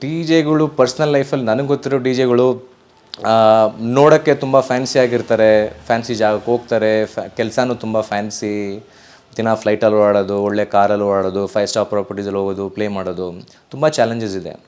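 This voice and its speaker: A man's voice: on the low side, fairly even intonation, brisk, darkish tone, smooth. Earnest DJ man giving an interview. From Karnataka, India. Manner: earnest, emphatic, repeats pleas. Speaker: professional DJ, interview guest. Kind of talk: casual interview talk.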